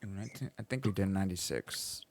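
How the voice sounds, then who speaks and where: A man's voice: deep voice, fast, vocal fry, dry recording. Laid-back male podcast co-host, dry sound. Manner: playful, explains with analogies, laughs often. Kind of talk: casual chat.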